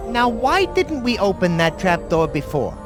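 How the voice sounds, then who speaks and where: A man's voice: high voice, big pitch swings, moderate pace. A man playing a small, wry, wisecracking sidekick creature in a cartoonish video game. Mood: sardonic. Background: game music.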